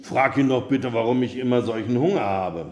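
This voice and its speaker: A man's voice: mid-range voice, moderate pace, darkish tone, close to an everyday voice. A man voicing a hungry wolf in his own plain storytelling voice. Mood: asking. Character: hungry wolf at the forest edge. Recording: roomy echo.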